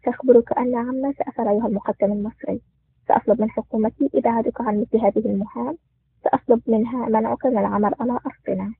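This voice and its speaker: A man's voice: extremely high pitch, steady tone, very fast, gravelly, husky, no room sound, heavily acted. A man voicing an angry, stubborn young female lieutenant in a spoken story, insistent and indignant. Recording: tinny phone-like sound.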